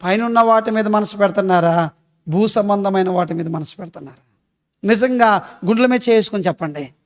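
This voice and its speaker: A man's voice: high voice, a little fast. A male pastor with a Telugu accent, preaching a sermon full of rhetorical questions and repeated emphatic phrases.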